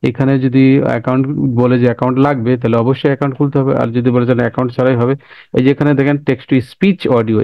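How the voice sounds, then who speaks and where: A man teaches a software class over a screen recording, repeating steps and often checking that listeners follow. His voice is gravelly and he talks fast. The sound is dry and dull. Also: mid-range voice, no room sound. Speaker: instructor.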